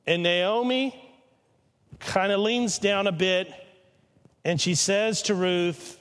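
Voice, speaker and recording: Man, pastor, sermon, slow deliberate delivery, fairly high voice, long hall reverb. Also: a bit bright, clear, resonant tone. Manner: storytelling, dramatic retelling with pauses and emphasis.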